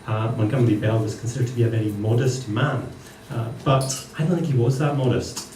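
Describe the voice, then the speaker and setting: A man's voice: medium pitch, a little fast, warm tone. A man from the Western Isles of Scotland with a Hebridean accent, performing a live stand-up comedy monologue in a dry, wry storytelling manner. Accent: Hebridean Scottish. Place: live comedy venue with audience. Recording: echoey room, distant mic, faint noise.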